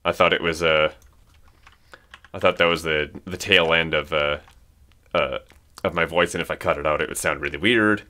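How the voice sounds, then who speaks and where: Low-voiced man, rambling and hesitant. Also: fairly even intonation, moderate pace, long pauses, pushed and bright. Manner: rambling, hesitant, many restarts. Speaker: music creator. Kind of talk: casual commentary video.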